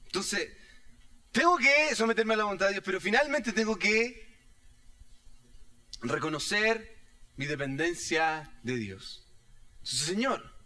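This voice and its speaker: A man preaching a sermon, fervent at times and dropping into soft, quiet prayer. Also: high voice, lively intonation, unhurried, pauses often. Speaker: pastor.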